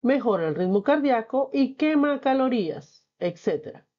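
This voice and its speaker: A woman teacher reading and explaining a textbook lesson, patient and clear. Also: high voice, animated, normal speed, highs cut off.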